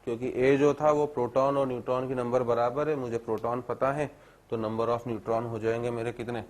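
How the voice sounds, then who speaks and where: A man teaching chemistry to a class, dictating notes slowly and checking in with students. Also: medium pitch, level tone, a little mellow. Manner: repeats phrases slowly for dictation, keeps asking "theek hai na"; calls students "beta", explains step by step.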